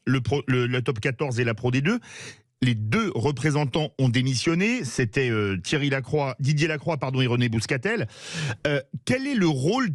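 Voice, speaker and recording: A man hosting a sports radio talk show, introducing guests and asking questions in a measured way, sometimes correcting himself. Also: mid-range voice, no echo, clean studio sound. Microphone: studio microphone.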